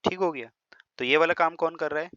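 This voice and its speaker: This biology teacher's voice is a little high and sharp, lecturing in a classroom style that blends Hindi and English. He's chatty, throws in teasing remarks, checks often that students follow, and slows down to over-stress words for pronunciation, all in a slightly dull, lo-fi recording with no echo.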